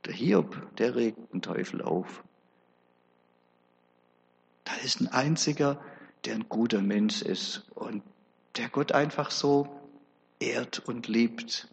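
Male preacher, sermon, slow delivery, gravelly voice, long reverb in a church hall. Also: medium pitch. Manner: lively storytelling, conversational asides.

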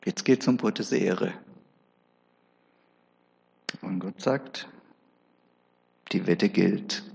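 Male preacher, sermon, slow delivery, gravelly voice, long reverb in a church hall. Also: sits low. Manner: lively storytelling, conversational asides.

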